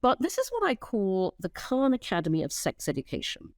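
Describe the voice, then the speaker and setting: A brisk middle-aged woman, a company founder appearing as an interview guest, argues her point with a lively, swooping pitch, emphatic and blunt. Once she gets going she swears freely and stumbles over restarts in this animated interview. The audio is dry and close, with little room echo.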